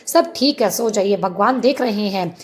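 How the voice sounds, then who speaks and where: A woman voicing a sweet elderly wife in a spoken story, with a soft, coaxing way of talking. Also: mid-range voice, expressive, normal speed, close to an everyday voice. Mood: soothing.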